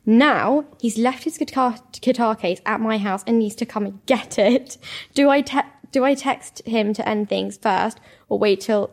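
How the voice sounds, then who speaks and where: A young woman chats as a podcast co-host, talking with a slightly higher voice. She exclaims and giggles often, quick to cringe at what she reads. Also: creaky. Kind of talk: casual chat.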